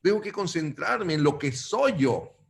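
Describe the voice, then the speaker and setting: A man from Mexico preaching a sermon, addressing his listeners as brothers and swinging between loud emphatic bursts and quiet low asides. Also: lively intonation, measured pace, gravelly.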